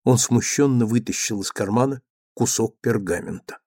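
A man narrating an audiobook in a measured, even storytelling manner. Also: on the low side, no echo, clean studio sound. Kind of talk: audiobook reading.

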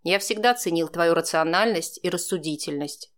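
A woman reader voicing a tired grown man, a father who speaks calmly with a wry, teasing edge, close to her own voice. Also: fairly low pitch, normal speed, lightly acted.

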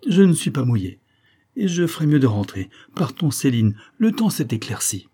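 A man's voice: mid-range voice, big pitch swings, moderate pace, dark tone, breathy edge, pitched above the performer's own voice. A man voicing a proud, impulsive young woman in a storybook reading, speaking curtly and haughtily. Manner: curt, haughty.

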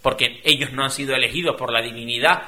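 A middle-aged man from Spain talking on a radio show, animated and conversational, full of rhetorical questions and quoted voices. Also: mid-range voice, quick pace. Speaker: guest speaker.

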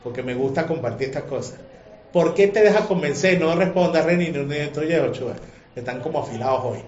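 An animated man leads a religious class and keeps firing questions at the group. His voice sits a bit high for a man. The sound is muffled and lo-fi, with echo from the room and faint background noise. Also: fairly quick. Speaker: teacher.

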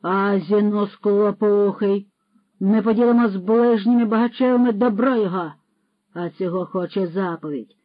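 Pompous, loud-lecturing male horse thief, put on by the audiobook narrator, a bit higher than the narration, dull dry storybook audio. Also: moderate pace, no echo, lightly acted. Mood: scolding.

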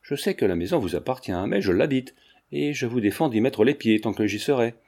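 A man's voice: mid-range voice, lively intonation, brisk, darkish tone. A man reading an audiobook, voicing a haughty countess who speaks curtly and scornfully. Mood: angry. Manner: curt, commanding, scornful. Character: furious haughty countess, middle-aged woman.

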